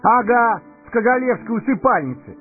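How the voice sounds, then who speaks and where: Pippin: a shrill, frantic little hobbit. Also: male voice, lively intonation, moderate pace. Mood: pleading. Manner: shrill, urgent, breathless pleading. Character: excitable young male hobbit, small and anxious. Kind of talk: audiobook character voice. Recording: narrow phone-like sound, faint music.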